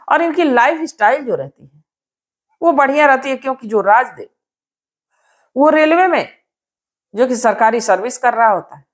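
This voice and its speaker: A woman tells a crime story in a loose, conversational way, leaning on repeated filler phrases. Her voice is fairly high and very lively in pitch, rising and falling as she narrates. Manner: chatty, repetitive fillers.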